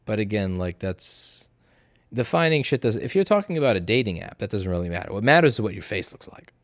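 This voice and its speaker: Drunk man with a dry, lowish voice. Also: lively intonation, a little fast, no room sound. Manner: blunt, profane, argumentative. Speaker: livestream host. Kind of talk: casual livestream Q&A, reading viewer messages aloud.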